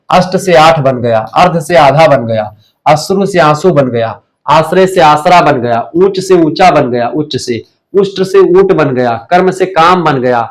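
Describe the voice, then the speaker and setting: Hindi teacher drilling a live class. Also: male voice, a little high. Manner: drilling, asks questions then answers them himself. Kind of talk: live online revision class.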